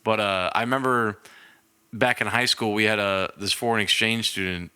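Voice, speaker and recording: A man's voice: on the low side, steady tone, normal speed, sharp tone, smooth. A young man co-hosting a podcast, telling a story in casual chat and laughing through it. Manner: laughs through his stories. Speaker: podcast co-host.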